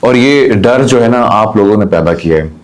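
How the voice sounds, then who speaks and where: Male podcast host, passionate and forceful, slightly low voice. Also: lively intonation, normal speed. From Pakistan. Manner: impassioned, mixes English into Urdu. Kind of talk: podcast discussion.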